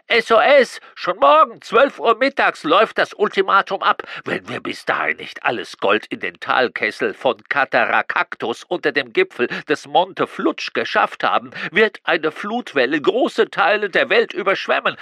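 A man voicing a panicked, croaking government caller pleading for help in an audiobook. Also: high voice, big pitch swings, unhurried, few pauses, bright, forceful tone, no room sound, clean studio sound, pitched above the performer's own voice, heavily acted. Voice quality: croaky, gravelly. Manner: urgent, pleading. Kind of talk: audiobook character voice.

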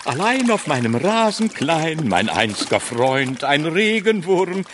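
An actor playing a castaway hermit poet and former thespian, declaiming grandly like a hammy stage actor in a comic audio drama. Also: male voice, fairly high pitch, big pitch swings, measured pace, a bit bright, slight background noise.

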